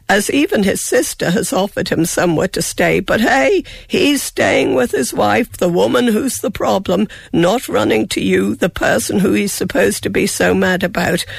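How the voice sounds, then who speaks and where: In a radio studio, an Irish woman nursing a chesty cold hands out blunt relationship advice. Her mid-range voice is creaky with a breathy edge, the recording is dry, and her manner is sarcastic, tart, and frank.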